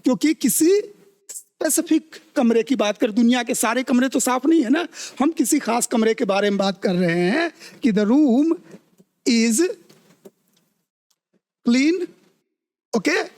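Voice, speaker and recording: In a big-sounding room, the Hindi-speaking teacher of spoken English uses a very high, slightly mellow voice with lively intonation. His words are slow and drawn out, and he repeatedly asks if everyone understands.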